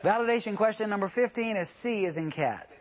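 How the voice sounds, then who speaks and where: A man's voice: sits high, lively intonation, brisk. A man teaching a traffic school course in a jokey, laughing lecture style. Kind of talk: joking classroom lecture.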